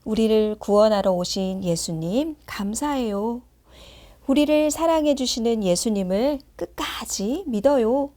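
A woman's voice: fairly high pitch, lively intonation, measured pace, warm tone. A woman narrating a children's craft lesson in a simple, sing-song manner aimed at toddlers, like a Sunday school teacher.

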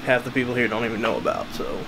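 Talking very fast with vocal fry, a young man in a small cabin chats animatedly to a camera held at arm's length. His mid-range voice carries a rambling, self-mocking vlog manner against a noisy background.

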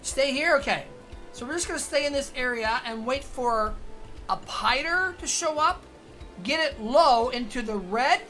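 A woman streams a game and thinks aloud, asking herself questions about where to go next. Her voice is bright and slightly high. Faint game music runs under her talk. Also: lively intonation, measured pace. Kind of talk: casual gameplay commentary.

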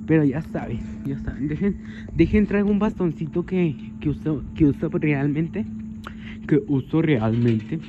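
Male comic as a sentimental, vain young woman; bashful comedy vlog character, recorded on a street with loud ambient noise. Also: on the high side, lightly acted. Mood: giddy. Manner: gushing, self-admiring, keeps saying how embarrassed she is. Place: outdoors on a street by a shop. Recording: dull lo-fi with loud outdoor noise.

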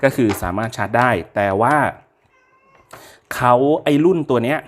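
Guy doing a laid-back gadget review, talks right at the viewers, lots of pauses and "wait, no" fixes. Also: medium pitch, expressive, a little hiss or hum. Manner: chatty and unhurried, with hesitations and self-corrections. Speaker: product reviewer. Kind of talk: casual product review to camera.

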